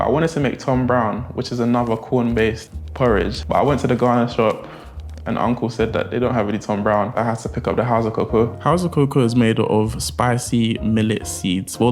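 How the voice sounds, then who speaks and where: A young man talks through his cooking in a relaxed home kitchen, joking and slipping into slang as he goes. His voice sits at an ordinary middle pitch. Quiet music plays underneath him. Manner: playful, jokey, slangy storytelling. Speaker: cooking vlogger. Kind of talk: casual cooking vlog.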